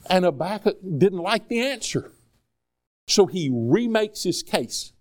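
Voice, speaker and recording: A man preaching a sermon in a conversational, animated way, asking the congregation rhetorical questions. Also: high voice, slow pace.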